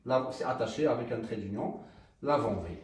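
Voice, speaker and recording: Slow, halting male French teacher in a roomy space. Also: high-pitched, very animated. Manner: slow, halting explanation with many fillers and rising question tags. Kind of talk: classroom grammar lesson. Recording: roomy, from some distance.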